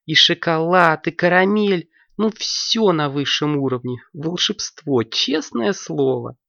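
Reader putting on a timid little witch girl, soft and raised, a touch gravelly. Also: mid-range voice, lively intonation, takes it slowly, dry recording, muffled recording, voice pushed up, exaggerated voice. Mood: shy. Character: shy, gentle young girl wizard.

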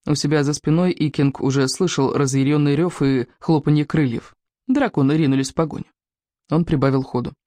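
An audiobook narrator reading an adventure story with animated, dramatic delivery that slows and stretches words for suspense. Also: mid-range voice, no room sound.

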